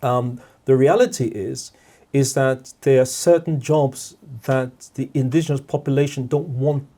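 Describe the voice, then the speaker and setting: A middle-aged man from Guyana, speaking as a podcast guest in a reflective discussion, measured and repeating words, often checking in with "all right?". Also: medium pitch, fairly even intonation, mellow.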